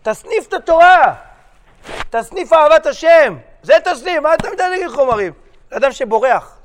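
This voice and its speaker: This high-pitched male rabbi lectures through an energetic sermon full of acted-out tales, joking and shifting voices between characters. A faint hiss or hum sits under the audio.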